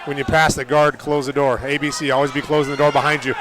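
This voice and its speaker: A man's voice: on the high side, little pitch movement, quick pace. A man giving casual, analytical color commentary on a fight, explaining technique like a coach. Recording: noisy arena with crowd. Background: crowd noise.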